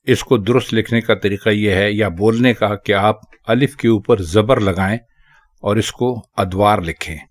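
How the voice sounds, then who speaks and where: A man teaching correct spelling and pronunciation, talking slowly and carefully and repeating each word several times. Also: lowish voice. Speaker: Urdu language teacher.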